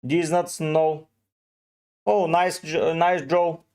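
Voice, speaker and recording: A man hosts a relaxed livestream, reading viewers' names and answering each one briefly. His voice sits a little high for a man and comes through smooth and clear. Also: slow pace. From Bulgaria. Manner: reads out chat names and gives short, offhand answers. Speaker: fantasy football streamer. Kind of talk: casual livestream, answering chat.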